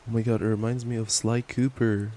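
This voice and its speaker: Over a noisy recording of falling rain, a young man plays a loving, teasing boyfriend in ASMR style, stumbling through a bedtime story and giggling in asides. He talks a little fast, in a lowish, dark voice that barely shifts in pitch.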